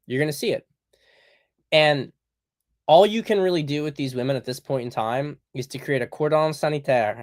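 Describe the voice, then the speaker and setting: A man delivers a blunt podcast monologue in a slightly higher-than-average voice. He is emphatic and hammers his points home through repetition. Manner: blunt and emphatic, with repeated phrases. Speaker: podcast host. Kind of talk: opinionated monologue.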